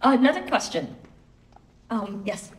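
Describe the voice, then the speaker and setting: A woman's voice: mid-range voice, sing-song, unhurried. A woman on an author panel, chatting casually with a wry, self-mocking manner and reading out audience questions. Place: school auditorium. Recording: echoey hall, mic from a distance.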